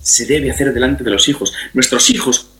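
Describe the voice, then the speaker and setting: Speaking at normal speed, a middle-aged Spanish man uses a bright, forceful, mid-range voice as a guest on family and sex education. His interview talk is conversational and explanatory, with a didactic habit of repeating phrases for emphasis. Echo from the room makes the recording sound spacious.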